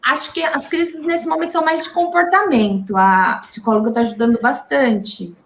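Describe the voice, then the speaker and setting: A Brazilian woman speaks as a mother in a relaxed interview. Her voice sits a bit high. She pauses often and restarts her sentences. The recording picks up a noticeable room echo. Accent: Brazilian Portuguese. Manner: halting, with many restarts and fillers. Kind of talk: casual video call interview. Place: home.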